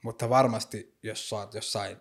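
A man's voice: lowish voice, fairly even intonation. A young man from Finland talking casually in slang, sprinkling in English phrases and many fillers. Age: young adult. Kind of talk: casual conversation.

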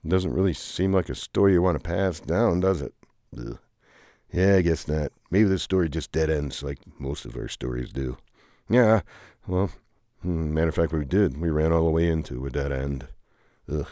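A man's voice: rumbling low, normal speed, warm tone, dry recording, clean studio sound. A man telling an improvised comic story with two bickering characters, rambling and often groaning and humming along. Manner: rambling, with frequent groaning "ugh"s and playful humming.

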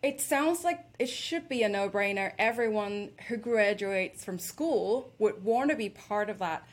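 A woman's voice: medium pitch, animated, a little slow. A woman from Hong Kong hosting a business interview, conversational and repeating small words as she starts her points. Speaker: host.

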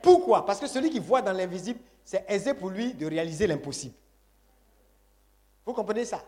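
A man's voice: high voice, expressive, a little fast, mellow, slight background noise. A man preaching a sermon to a congregation, emphatic and repetitive, calling on the audience to say amen. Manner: call-and-response, asks congregation to say Amen; emphatic, repeats phrases.

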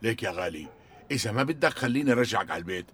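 A man's voice: on the low side, lively intonation, rapid-fire, fairly bright tone, husky. An actor with a Levantine Arabic accent playing a determined, commanding man who plans to burn a warehouse. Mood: reassuring. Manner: insistent, commanding.

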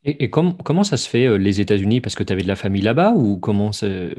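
A man's voice: lowish voice, lively intonation, fast, dark tone. A man hosting a podcast interview, asking questions in a hesitant, stumbling way. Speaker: podcast host. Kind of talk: casual interview chat.

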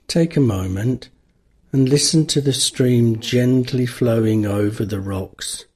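A man narrating a guided meditation, giving calm, gentle instructions with long pauses. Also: medium pitch, slightly rough.

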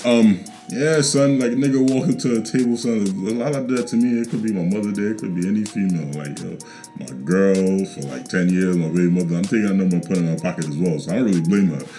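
A podcast co-host talks fast in a low, mellow voice, chatting casually over a music bed. His storytelling is loose, profane and joking, and packed with slang.

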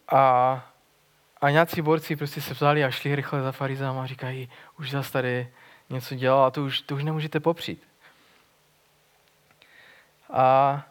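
A man preaching a sermon, retelling a gospel story in an earnest, conversational way with frequent restarts. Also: medium pitch.

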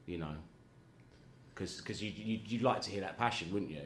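A man with a fairly low voice tells stories in a loose, rambling way. He laughs at himself often and keeps the tone self-deprecating. The room is echoey, with faint ambience behind him. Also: normal speed, a little hiss or hum. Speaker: guest. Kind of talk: casual chat.

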